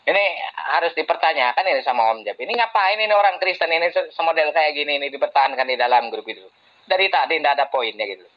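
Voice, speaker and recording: A man's voice: fairly high pitch, lively intonation, quick pace. Mocking man in a muffled voice chat. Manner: mocking, laughs between jabs. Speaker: debater. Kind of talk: heated online debate.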